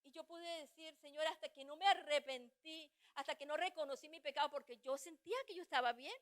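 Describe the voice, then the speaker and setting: A middle-aged woman giving a fervent church testimony, pleading, swinging from hushed words to loud cries. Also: high-pitched, brisk. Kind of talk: testimony sermon.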